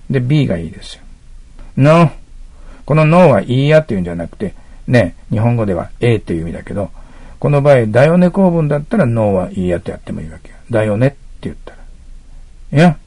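A man teaching English listening test answers in a lecture, explaining each answer with frequent little check-ins to his listeners, and reading the English lines slowly with a Japanese accent. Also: mid-range voice, very animated, warm tone, no room sound.

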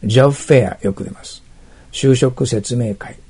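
Gravelly, husky-voiced man teaching English. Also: mid-range voice, mellow. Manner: explains step by step with frequent checking tags; reads English test sentences slowly. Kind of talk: classroom test-prep lesson.

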